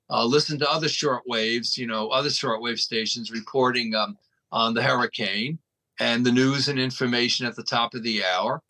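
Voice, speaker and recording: A man who runs a radio station talks as an interview guest, explaining things in an emphatic, folksy, storytelling manner. His voice is medium in pitch, bright and forceful, though the audio quality is poor.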